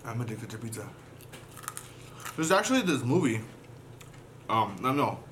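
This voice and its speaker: A man's voice: mid-range voice, big pitch swings, moderate pace, background noise. A man vlogger chatting casually while chewing a mouthful of food during an eating video. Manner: rambling, offhand, mouth full of food. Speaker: mukbang vlogger.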